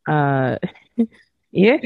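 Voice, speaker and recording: Low-voiced young woman on a podcast. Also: lively intonation, very slow, no echo, phone-quality sound. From Nigeria. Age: 20s. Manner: frank and emotional, swears casually, laughs between thoughts. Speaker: podcast host. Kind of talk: candid podcast conversation.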